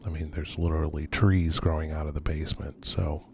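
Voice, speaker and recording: A very deep, gravelly male voice, subdued and halting, with little pitch movement, narrates an unscripted tour of abandoned houses. The video host and urban explorer muses hesitantly, letting phrases trail off, while on location at night around abandoned row houses, and the ambient recording is noisy.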